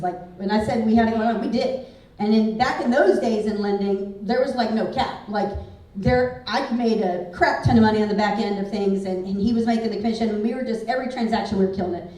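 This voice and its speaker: A woman in her forties gives a candid, conversational motivational talk, peppering it with "like." Her voice sits a little high. She is picked up from a distance in a very echoey hall. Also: warm tone. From Houston, Texas. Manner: candid, conversational, frequent "like" fillers. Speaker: real estate speaker. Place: large event hall.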